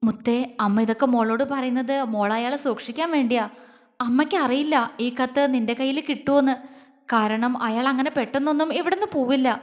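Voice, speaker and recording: A woman's voice: sits high, lightly acted. A woman voicing a loving mother's letter to her daughter, earnest and pleading, in a reverberant recording. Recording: long reverb.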